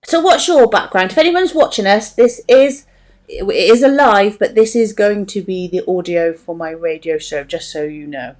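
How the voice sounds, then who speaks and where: Female podcast host, mid-pitched, informal and rambling, chatty interview delivery. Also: animated, normal speed, a little mellow.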